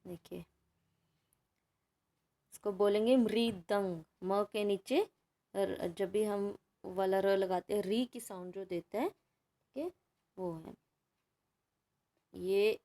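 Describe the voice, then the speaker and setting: A woman's voice: medium pitch, dark tone. A woman teacher patiently working through a Hindi grammar workbook, explaining each answer step by step and checking in with students. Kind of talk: workbook lesson walkthrough.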